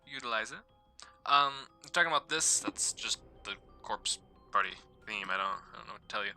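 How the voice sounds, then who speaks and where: A man's voice: fairly low pitch, lively intonation, brisk, bright, forceful tone. A man streaming a horror game live, chatting casually and stumbling as he reads the on-screen text aloud. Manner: rambling, stumbles while reading text aloud. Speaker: gaming streamer. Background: faint game music.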